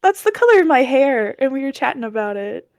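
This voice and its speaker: A woman's voice: high-pitched, very animated, a little fast, a little mellow. A woman in her twenties co-hosting a podcast, cheerful and giggly in casual chat, with a slightly hesitant, filler-laden way of talking. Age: 20s. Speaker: podcast co-host.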